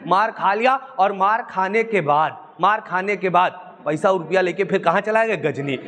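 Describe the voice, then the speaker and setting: A man's voice: high-pitched, normal speed, a bit bright, in a large hall. A male teacher telling history as a story, asking the class questions and answering them himself. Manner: storytelling with call-and-response questions.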